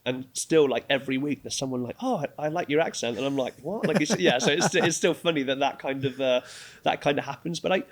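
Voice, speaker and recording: A man's voice: mid-range voice, fast talker. A man from England with a neutral English accent, chatting casually as a podcast guest, with lots of fillers and frequent laughs. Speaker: guest, real estate agent. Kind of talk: casual interview chat.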